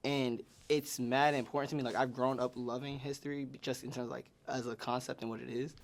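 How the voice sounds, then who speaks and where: A man's voice: medium pitch, little pitch movement, fairly quick. Young new guy in his 20s rambling thru interview answers, lots of like and you know. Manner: loose and rambling, heavy use of "like". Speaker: featured artist. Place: studio or room.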